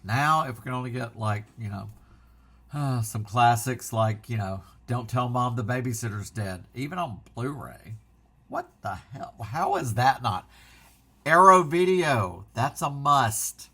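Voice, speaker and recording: Man, vlog host, casual chat, bright voice, excitable, rambling. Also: medium pitch, measured pace, husky. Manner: excitable, rambling, self-interrupting. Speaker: physical media channel host.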